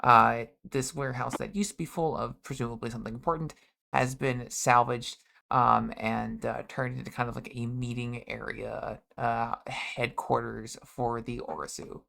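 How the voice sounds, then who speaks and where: A man runs a tabletop game, narrating the scene with frequent pauses and fillers. His voice is gravelly at a middle pitch. The delivery is descriptive and unhurried. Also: fairly even intonation, bright, forceful tone. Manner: descriptive, with frequent ums and uhs. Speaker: game master.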